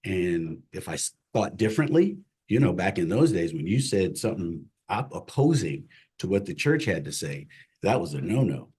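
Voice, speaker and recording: A middle-aged man, a chaplain, telling his personal faith story as an interview guest in an earnest, emotional way that drops to a hush at hard moments. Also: sits low, sing-song, normal speed, slightly rough. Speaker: chaplain and CPE director, guest.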